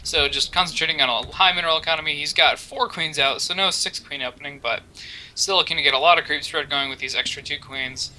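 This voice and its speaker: A man's voice: fairly high pitch, quick pace, pushed and bright, low-quality recording. A man co-casting a video game match, upbeat and thinking aloud, often correcting himself mid-sentence. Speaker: esports co-caster. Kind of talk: casual game commentary.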